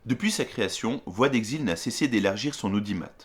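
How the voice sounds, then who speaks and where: A man with a fairly low voice narrates a documentary. His reading is scripted, measured and formal, with every phrase set down evenly. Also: animated, breathy edge.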